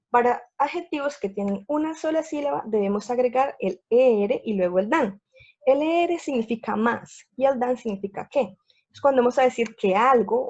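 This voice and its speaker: A woman with a slightly high voice walks through grammar rules as a patient teacher, going step by step and checking that her viewers follow. The sound is dull and lo-fi. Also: a little mellow. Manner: patient, repeats steps, checks in with "¿sí?" and "listo". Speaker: English teacher. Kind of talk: slide lesson explaining grammar.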